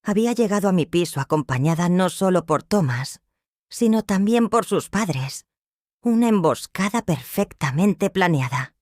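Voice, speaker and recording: A woman narrating a dramatic first-person story in a measured, serious way. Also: lowish voice, expressive, darkish tone, no room sound, clean studio sound.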